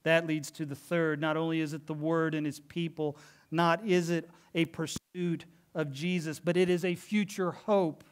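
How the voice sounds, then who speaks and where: A man's voice: a little high, flat delivery, normal speed, clear, resonant tone. A middle-aged man preaching a sermon in a church, telling stories in an earnest, emphatic way. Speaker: pastor. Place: church sanctuary.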